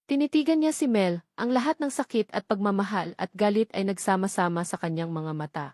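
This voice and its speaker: This studio-quality, dry recording features a Filipino-accented woman narrating a scripted romance story like a dramatic audiobook. Her voice is mid-range with a darkish tone, and she reads fairly quickly.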